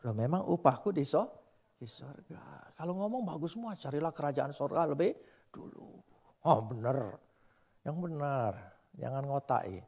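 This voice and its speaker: An older male pastor preaching a sermon lively rises to loud emphasis and playful teasing of the congregation. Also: fairly high pitch, moderate pace, creaky, husky.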